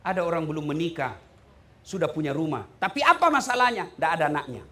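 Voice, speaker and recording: Animated joking preacher, Makassar-accented man. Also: a little high, fast. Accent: Makassar Indonesian. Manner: joking, animated, rhetorical questions. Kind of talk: humorous sermon.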